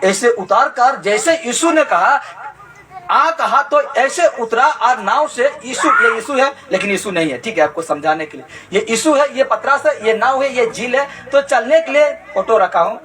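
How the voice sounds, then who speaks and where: Male preacher, very high and animated, quizzes the congregation and repeats himself. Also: moderate pace, hardly any pauses. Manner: keeps asking the congregation questions, repeats key phrases; laughs lightly between points. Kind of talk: Bible sermon.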